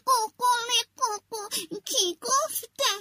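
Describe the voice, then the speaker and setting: A woman doing a shrill stammering storybook rooster. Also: bright, forceful tone, dry recording. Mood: crowing, jittery. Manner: stammers and crows between words. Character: boastful nervous rooster, crowing and stammering.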